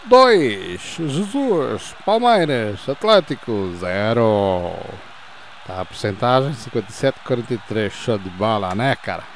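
A man in his fifties with a European Portuguese accent calls a football video game as though it were a live match. His voice leaps between loud, high goal cries and low, easy recaps of the score. A faint hiss sits under the home recording. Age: 50s. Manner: excitable, yelling goal calls and cheering on players, then calm score recaps. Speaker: gaming channel host. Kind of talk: playful mock football commentary over gameplay.

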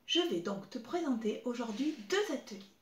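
A woman in her thirties teaching young children remotely, spelling out syllables slowly and clearly as she claps. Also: on the high side, expressive. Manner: slow, clear, exaggerated syllable clapping. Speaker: preschool teacher. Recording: echoey room with faint noise.

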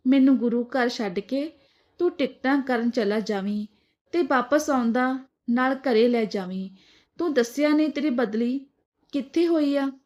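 A woman reading as a gentle elderly mother. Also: high voice, a little slow. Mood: pleading. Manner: soft, placating. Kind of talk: storybook dialogue reading.

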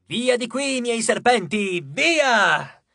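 An audiobook narrator voicing a boastful, theatrical male harvest god who declaims loudly and grandly. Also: mid-range voice, lively intonation, moderate pace, no echo, clean studio sound. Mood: exultant. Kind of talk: audiobook character voice.

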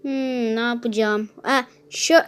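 Woman, gameplay commentary, high voice, unhurried, chatty, hums and sings to herself. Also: fairly even intonation, fairly bright tone, clear, resonant tone. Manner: chatty, complains about hard levels, hums and sings to herself. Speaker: gameplay streamer.

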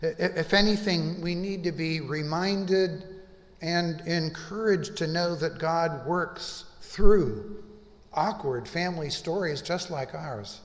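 An older man preaching a sermon from a pulpit, slow and measured with deliberate pauses. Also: a little high. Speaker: pastor. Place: church sanctuary, at a pulpit. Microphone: pulpit microphone. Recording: reverberant church hall.

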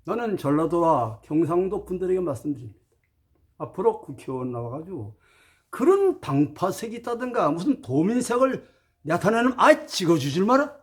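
A man delivering a preachy monologue to his viewers in a high voice that leaps up and down. He lectures with rhetorical questions and moves between polite formal address and blunt, plain talk. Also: sing-song, moderate pace. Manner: emphatic, swings between formal address and blunt casual speech. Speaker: spiritual teacher addressing viewers.

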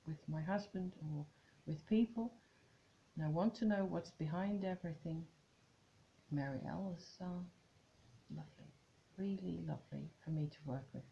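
A woman talks casually to her camera about tarot cards, musing and trailing off as she goes. Her voice sits low with a gravelly edge. The home recording sounds dull, with a faint hiss. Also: normal speed, pauses often. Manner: chatty, musing, trailing off in restarts. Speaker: tarot vlogger.

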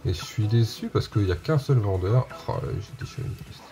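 A man's voice: fairly low pitch, lively intonation, fast, mellow, soft background music. A man hosting a casual unboxing vlog, chatting straight to his viewers and often repeating himself. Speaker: unboxing video host.

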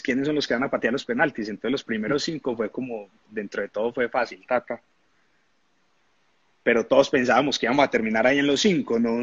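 Husky man telling stories. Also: medium pitch, dry recording, lo-fi sound. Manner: animated anecdotes, acts out voices, laughs often. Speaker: former footballer interviewed. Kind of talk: casual interview storytelling.

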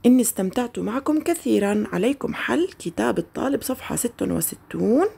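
A woman teaching a first-grade Arabic lesson, slowly drawing out each word for the children to repeat. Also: fairly high pitch, expressive, vocal fry, dark tone, husky. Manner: slow, drawn-out modeling of words for children to repeat.

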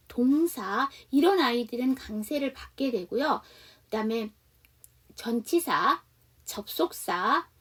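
Woman English teacher, Seoul accent, higher voice, very animated pitch, a bit distant from the mic. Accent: Seoul Korean. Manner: explains patiently, models English sentences slowly. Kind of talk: online English conversation lesson.

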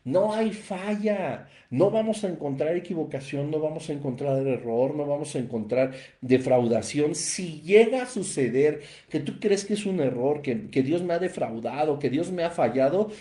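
Guy preaching, warm dark voice, hammers points by repeating lines. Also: fairly high pitch, lively intonation, measured pace, echoey room. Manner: emphatic, repeats phrases for stress. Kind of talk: sermon-style Bible teaching.

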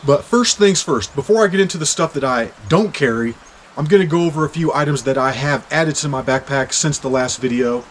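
On a wintry back deck, a man in his forties from Kansas chats and jokes while reviewing hiking gear, his voice a little high and fairly quick. He's a hiking vlogger who gets excited in bursts, and there's slight background noise.

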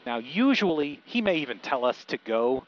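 A man's voice: medium pitch, sing-song, normal speed. A male pilot talks through an aviation headset in a small plane, sounding dulled by the intercom over faint cockpit noise. He explains procedures like an instructor and makes terse radio calls. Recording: dull aircraft intercom, engine noise.

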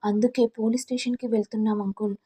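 A woman's voice: fairly high pitch, steady tone, fast, mellow, slightly rough. A woman voicing a worried young woman who is anxious about her missing sister. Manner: anxious pleading.

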